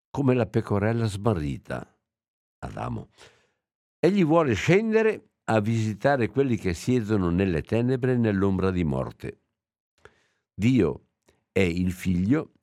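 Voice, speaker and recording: A man, a priest, giving a homily and slowly reading an old text aloud, reflective and with small hesitations. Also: lowish voice, darkish tone, no room sound, studio quality.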